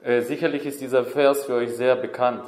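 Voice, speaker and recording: Hesitant interpreter in an echoey church. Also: male voice, mid-range voice, steady tone, fairly quick, darkish tone. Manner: hesitant, many fillers and self-corrections. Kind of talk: live sermon interpreting. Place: church hall.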